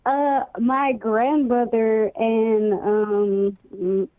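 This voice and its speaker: High, giggly woman on a phone line. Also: little pitch movement, drawn-out words, dry recording. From Chicago. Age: 20s. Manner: giggly, chatty, slight drawl. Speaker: caller. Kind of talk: casual phone chat. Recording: dry, tinny phone line.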